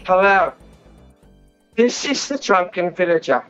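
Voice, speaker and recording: A man voicing a drunken villager who speaks haltingly in a comic audio ident. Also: high voice, sing-song, a bit bright, clean tone, dry recording, dull audio, soft background music, full character voice. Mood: tipsy, confused. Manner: halting, drawn-out delivery. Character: slow high-voiced drunken villager character.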